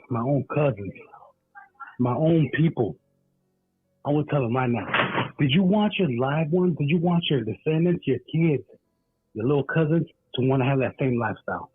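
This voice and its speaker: A man's voice: mid-range voice, slightly rough, no room sound. A man calling in to a radio talk show, heard muffled as if through a wall, talking in an earnest, preachy way. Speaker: caller. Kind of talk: call-in radio chat. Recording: muffled tinny phone line.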